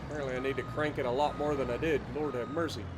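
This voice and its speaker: Racing along against background noise, a YouTuber with a mid-range, steady, nasal, stuffy voice comments on the farming game he's playing. The let's-play talk is laid-back, full of fillers and thinking out loud.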